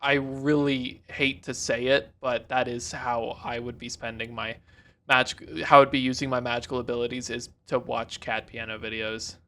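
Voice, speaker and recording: Talk as a guy reacting to a cartoon episode: mid-pitched and casual, restart your sentences freely, wander off track, toss in jokes as they come. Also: flat delivery, normal speed, fairly bright tone. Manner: rambling, self-interrupting, jokey. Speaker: reaction video host.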